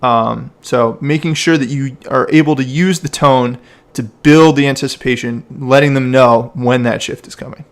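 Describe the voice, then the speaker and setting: A man's voice: mid-range voice, steady tone, moderate pace, clean tone. A man coaching a coxswain, explaining in an encouraging, conversational way with frequent restarts. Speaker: rowing coach. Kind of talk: coaching feedback.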